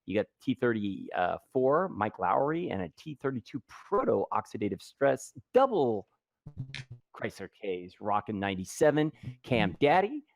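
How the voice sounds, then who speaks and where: A man co-casting a tank game match over voice chat, easygoing and quick to laugh. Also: medium pitch, very animated, vocal fry, no room sound. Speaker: co-caster. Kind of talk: esports commentary.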